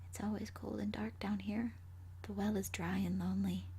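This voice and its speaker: A woman voicing the gleefully vengeful ghost of a five-year-old girl in a horror story, hushed and haunting, breathy, often slipping into a whisper. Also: mid-range voice, level tone, moderate pace, background noise, lightly acted. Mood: haunting, whispery. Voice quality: breathy, husky. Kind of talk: first-person horror story narration.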